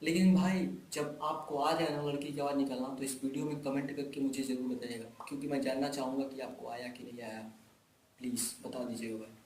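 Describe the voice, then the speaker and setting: A man's voice: mid-range voice, steady tone, a little fast, a little mellow, echoey room, slight background noise. Chatty man teaching voice mimicry. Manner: chatty, addresses viewers as bhai. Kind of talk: casual tutorial.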